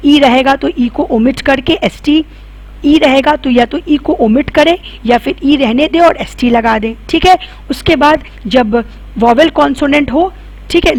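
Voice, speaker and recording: A woman teacher with a slightly high, husky voice and a gravelly edge gives a grammar class. She asks questions and answers them herself. She spells words out letter by letter.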